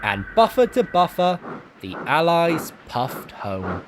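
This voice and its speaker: A man reading a children's storybook aloud as narrator, expressive and unhurried. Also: fairly high pitch, background noise.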